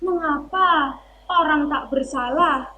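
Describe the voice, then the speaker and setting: A woman's voice: sits high, takes it slowly, sharp tone. A woman narrating a theatre monologue in a dramatic, declamatory way. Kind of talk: theatrical storytelling in a stage monologue.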